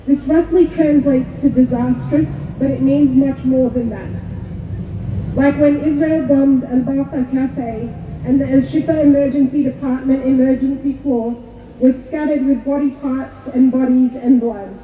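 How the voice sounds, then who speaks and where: A woman born in Kuwait giving a measured, solemn prepared speech to an outdoor rally. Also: high-pitched, fairly even intonation, slight background noise. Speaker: rally speaker. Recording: echoey far-off PA with tinny sound.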